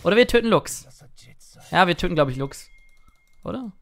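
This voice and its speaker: High, lively young man doing game commentary. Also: normal speed, creaky. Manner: chatty, excitable, sings and shouts at plays. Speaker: gaming streamer. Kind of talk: live gameplay commentary.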